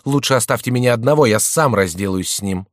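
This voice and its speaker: A man voicing a touchy, hot-headed seventeen-year-old youth in shrill, indignant outbursts in an audiobook. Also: quick pace, no room sound, clean studio sound, lightly acted.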